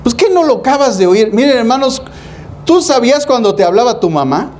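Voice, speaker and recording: High-voiced Mexican pastor preaching. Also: male voice, big pitch swings, a little fast, darkish tone. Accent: Mexican Spanish. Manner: folksy, colloquial preaching that slips into street slang; rhetorical questions, calls the congregation "hermano". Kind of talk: sermon.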